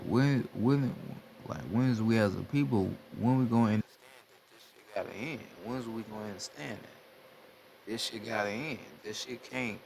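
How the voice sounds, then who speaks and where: Against a noisy background, a man with a fairly low, creaky voice delivers a casual spiritual pep talk. Blunt and repetitive, the teacher swears freely while urging his audience to wake up.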